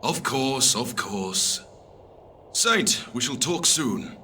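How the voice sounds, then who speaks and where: A man plays a gruff but courteous giant warlord. The voice is very forceful and bright, imperious in delivery, with faint noise behind it. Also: mid-range voice, animated, very slow, exaggerated voice. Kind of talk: audio drama acting.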